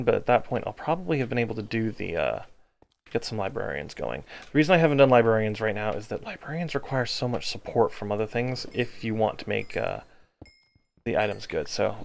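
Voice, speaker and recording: An exhausted man giving casual gameplay commentary, halting as he thinks aloud to himself. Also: mid-range voice, creaky. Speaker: gaming video host.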